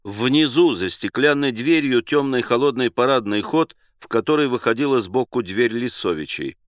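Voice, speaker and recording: A man reading a novel aloud as an audiobook, acting out the characters' lines with changes in pitch and loudness. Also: animated, moderate pace, dry recording, studio quality. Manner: shifts pitch and loudness to act out characters' cries. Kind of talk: audiobook narration with acted dialogue.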